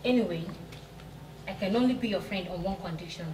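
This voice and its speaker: A woman's voice: mid-range voice, fairly quick, background noise, natural voice. An actress playing a curt young female student who firmly scolds and rejects an unwanted suitor. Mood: stern. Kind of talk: comic film acting.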